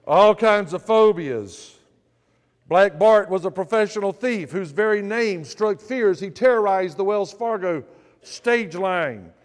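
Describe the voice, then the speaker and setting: A man's voice: high voice, big-room sound. A male pastor preaching a sermon, praying and telling humorous stories to his congregation.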